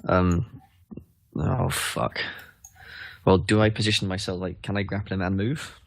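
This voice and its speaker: Low-voiced casual man playing a tabletop game. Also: level tone, measured pace, creaky, no room sound. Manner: casual, swears, argues rules. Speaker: player.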